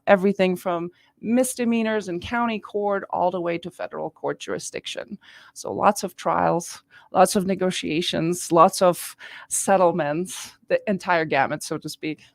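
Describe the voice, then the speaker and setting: A woman's voice: medium pitch, dry recording. Dry-voiced woman. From Austria. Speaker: guest, district attorney candidate. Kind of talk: radio interview answers. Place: radio studio.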